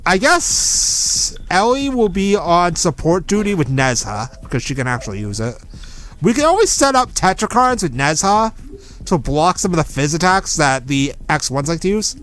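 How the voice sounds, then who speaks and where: A man's voice: high voice, big pitch swings, normal speed, fairly bright tone. A young man casually commenting on a game he is playing, chatty and giving strategy tips. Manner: chatty, gives strategy tips, self-correcting. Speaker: let's play host.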